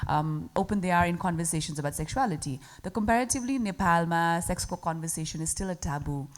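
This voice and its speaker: Judge lady, low voice, talks super fast, flips nepali and english. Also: expressive. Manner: rapid, mixing Nepali and English. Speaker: pageant judge. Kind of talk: interview questioning.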